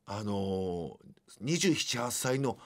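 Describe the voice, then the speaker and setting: A man's voice: lowish voice, big pitch swings, slow pace. A man in his fifties with a Kansai accent, hosting a casual radio show from a studio, telling stories and often laughing mid-sentence. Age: 50s. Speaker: radio host.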